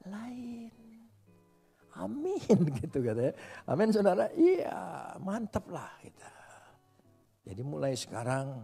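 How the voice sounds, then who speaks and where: A middle-aged male pastor preaching a sermon in a church, swinging between loud emphatic calls and soft asides and joking with the congregation. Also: on the high side, gravelly, husky. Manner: jokes with the congregation in casual speech.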